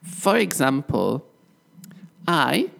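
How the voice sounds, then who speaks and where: Slow, creaky British man teaching. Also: a little high, very animated, fairly bright tone. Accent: British English. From Britain. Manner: explains slowly, modelling contrasting pronunciations. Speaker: podcast host and English teacher. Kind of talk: podcast language lesson.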